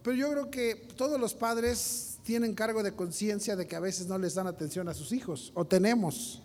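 A man preaching with a noticeably high voice. He tells stories and keeps turning to the congregation with questions. His voice rings out in a long hall reverb. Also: normal speed, a little mellow. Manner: storytelling, addresses congregation directly. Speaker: pastor. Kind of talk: sermon.

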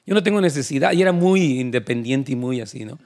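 A man's voice: medium pitch, lively intonation, quick pace, darkish tone. A man preaching to young people, telling his own story earnestly and acting out the voices he quotes. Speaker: pastor. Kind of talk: youth sermon with testimony.

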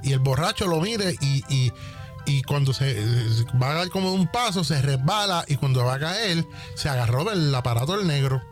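Male guest, slightly high voice, animated joke-teller acting out voices and sound effects, faint music under. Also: normal speed. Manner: animated storyteller, acts out dialogue and sound effects. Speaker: podcast guest. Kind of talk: casual joke telling.

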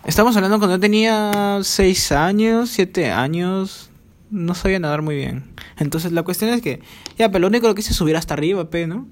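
A young-sounding man races through a rambling podcast monologue. His voice sits a little high for a man, and his talk is loaded with crude swearing, fillers and self-mockery. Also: brisk. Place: home, recording alone.

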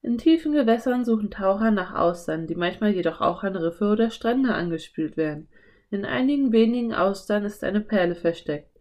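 A woman's voice: mid-range voice, animated, normal speed, darkish tone, lightly acted. A woman voicing a cautious, bookish young boy in an audiobook, speaking earnestly and a little emphatically.

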